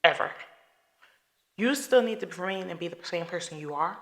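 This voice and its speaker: A woman's voice: lowish voice, lively intonation, moderate pace, fairly bright tone. A woman hosting a solo podcast, talking to the listener in a direct, conversational way with rhetorical questions and everyday examples. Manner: preachy, conversational, talks through examples. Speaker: podcast host.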